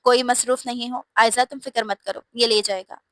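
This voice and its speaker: A woman's voice: on the high side, steady tone, moderate pace, dry recording, studio quality, close to an everyday voice. A woman reading a storybook aloud and voicing a commanding elder brother. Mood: stern. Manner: authoritative.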